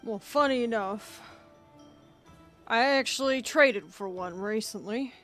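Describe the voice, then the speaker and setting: A woman voicing a gruff, grizzled male weapon shopkeeper in his sixties for a tabletop game, speaking curtly. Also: high voice, measured pace, sharp tone, faint music behind. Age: 60s. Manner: gruff, curt. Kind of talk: tabletop role-play.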